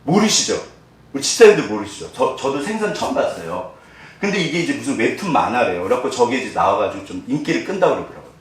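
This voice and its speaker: A man's voice: mid-range voice, sing-song, quick pace. A male pastor preaching a sermon, keeps questioning the congregation and acting out the lines he quotes. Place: church sanctuary. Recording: echoey church hall from far off.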